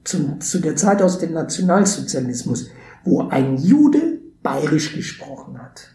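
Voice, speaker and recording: A theatre educator from Brazil, whose native tongue is Portuguese, chats as a podcast guest in a warm voice that's a little high, sing-song, and unhurried. He sounds thoughtful but unsure, leaning on fillers and restarting sentences. The room echoes, with a light hiss underneath.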